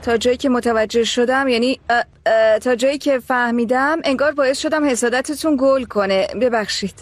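A woman's voice: a little high, lightly acted. A woman dubbing a meddling young woman in a TV drama who falsely apologizes and stirs up a couple's jealousy. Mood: mock-apologetic. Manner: mock-apologetic, needling. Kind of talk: dubbed TV drama acting.

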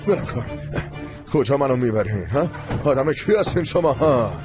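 Brief: actor as a frantic captive, mid-pitched, over a tense score. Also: male voice, animated, music in the background, natural voice. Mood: panicked. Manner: panicked, protesting. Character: abducted man, panicked and resisting. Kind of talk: dubbed TV drama.

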